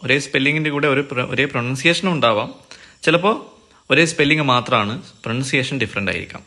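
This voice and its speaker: A man with a Malayali accent teaching an English exam lesson, explaining in Malayalam and reading English definitions slowly. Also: mid-range voice, bright, forceful tone. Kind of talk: recorded online lecture.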